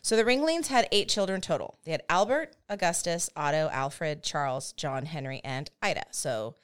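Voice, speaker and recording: Lively woman hosting a storytelling podcast. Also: low voice, moderate pace, clear, resonant tone. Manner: chatty, laughs often, self-deprecating asides. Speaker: podcast host. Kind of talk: casual storytelling chat.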